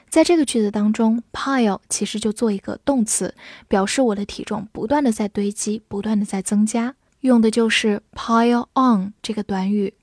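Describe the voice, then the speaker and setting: A woman teaching English vocabulary, spelling words letter by letter and repeating example sentences slowly. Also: on the high side, darkish tone, no room sound, clean studio sound. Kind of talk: vocabulary lesson with spelling and slow read-alongs.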